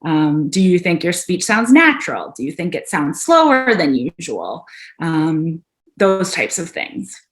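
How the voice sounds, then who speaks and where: Woman speech therapist lecturing on a video call, lowish voice, lots of ums. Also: sing-song, measured pace. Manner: clear teacherly explaining with many ums. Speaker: speech-language pathologist researcher. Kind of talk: explaining in a webinar lecture.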